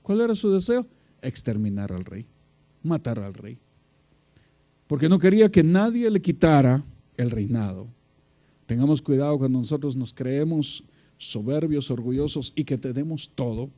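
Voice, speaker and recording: A man preaching a sermon, addressing his listeners as brother and swinging between loud exclamations and quiet asides. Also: mid-range voice, big pitch swings, normal speed.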